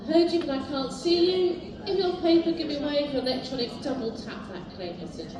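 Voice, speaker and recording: A British woman working as a bingo caller, announcing numbers live in a sing-song, formulaic way with measured repetition. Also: sits high, lively intonation. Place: large echoing indoor bingo hall. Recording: very echoey hall, distant, noisy.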